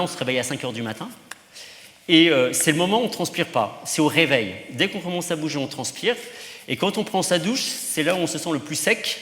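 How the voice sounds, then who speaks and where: A man's voice: mid-range voice, a bit bright. Priest, male, casual and rambling with asides; roomy reverberant hall sound. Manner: chatty, many fillers and asides. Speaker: priest giving a teaching. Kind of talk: informal talk to teenagers.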